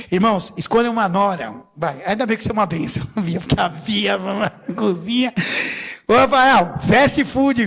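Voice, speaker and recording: A middle-aged man, a bishop, preaching a lively sermon full of stories and jokes, acting out what others said with big swings in his voice. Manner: animated, jokey, acts out quotes with big pitch swings. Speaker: bishop and pastor. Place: church sanctuary. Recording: long reverb of a church hall.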